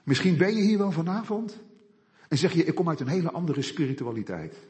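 Male preacher with a high, lively voice, delivering a sermon full of rhetorical questions, recorded in a reverberant hall. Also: a little fast, slightly rough. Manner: animated, asks and answers rhetorical questions. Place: church hall. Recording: echoey hall.

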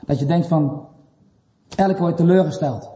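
A high-pitched man delivers a sermon, his tone mellow and earnest. He presses his listeners with rhetorical questions, building in intensity. His voice rings through a church hall with a long reverb. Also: normal speed. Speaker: preacher.

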